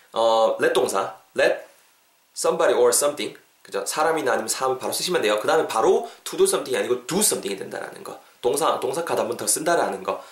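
A man hosting an English lesson podcast in a casual, lively way, repeating phrases slowly for listeners to copy. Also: mid-range voice. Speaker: English teacher and podcast host. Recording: echoey room.

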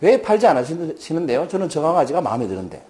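A man's voice: fairly high pitch, very animated, fast, a little mellow. A man voicing an eager young boy who earnestly asks a shopkeeper about a puppy.

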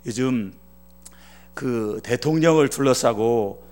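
A guest pastor from Chungcheong, Korea, tells a funny story in his sermon, jokingly acting out its dialogue in dialect. His mid-range voice is slow and darkish in tone.

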